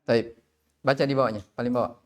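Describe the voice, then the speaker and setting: A man teaching tajwid in a live online class, drilling Arabic syllables slowly and calling on students to recite. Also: mid-range voice, steady tone. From Indonesia.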